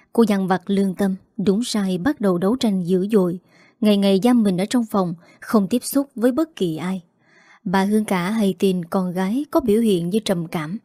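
A woman narrating a drama recap in a steady, dramatic storytelling manner. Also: medium pitch, no echo, clean studio sound.

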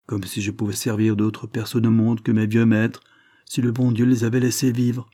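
An old, devoted male steward frets and pleads in this audiobook scene, voiced by a male narrator. The voice is low and mellow with a husky grain. The recording is dry and close. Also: monotone, normal speed, no room sound, close to an everyday voice. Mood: fretful. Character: old loyal male estate steward, anxious.

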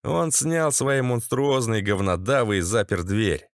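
A man's voice: medium pitch, animated, measured pace, no echo. Gritty male audiobook narrator, dry sound. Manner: tense, gritty and sardonic. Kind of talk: first-person audiobook narration.

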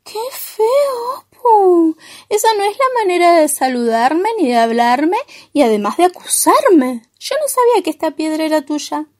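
Woman doing a little creek bug, high tearful voice, Argentine accent, storybook. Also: sing-song, moderate pace, no echo, clean studio sound. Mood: hurt. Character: little male creek bug, polite and hurt.

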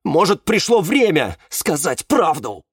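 A man's voice: on the high side, sing-song, measured pace, husky, no echo, clean studio sound, voice pushed up, heavily acted. A man doing a scornful, bitter young woman. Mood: distraught. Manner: scornful, biting.

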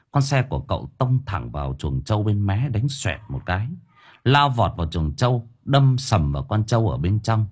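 A man's voice: fairly low pitch, darkish tone, husky. A man narrating a ghost story as an audiobook, vivid and dramatic.

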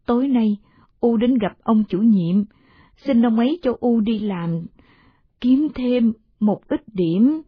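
A woman's voice: on the high side, breathy edge, dry recording, highs cut off, exaggerated voice. A woman voicing an elderly village mother-in-law who speaks plaintively and pleadingly, in a storybook reading. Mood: earnest.

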